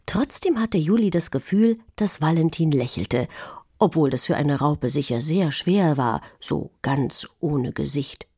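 Lady reading a kids' story, lower husky voice, super animated, dry close sound. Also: unhurried, no echo. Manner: expressive, storytelling. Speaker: narrator. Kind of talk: scripted children's story narration.

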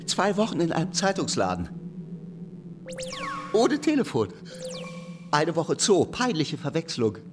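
In a children's radio play, a man voices a tiny, odd male creature who is secretive and fussy, using quirky, clipped speech with an officious, secretive mood. His voice sits a little high with huge pitch swings, unhurried and full of pauses, heard over music.

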